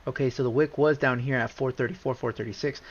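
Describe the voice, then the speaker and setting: A man talks loosely over his charts in a middle-pitched voice, circling back and repeating himself as he gets worked up. The stream audio is a bit dull and lo-fi, like a basic desk mic. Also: fast talker. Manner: rambling, restarts often, gets excited and repeats himself. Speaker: livestream trading host. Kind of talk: casual live chart walkthrough.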